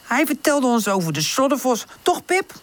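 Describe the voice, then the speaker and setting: A woman's voice: high-pitched, sing-song, normal speed, pitched above the performer's own voice. A woman voicing a nervous little male puppy in a children's storybook. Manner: worried, whispery and hesitant.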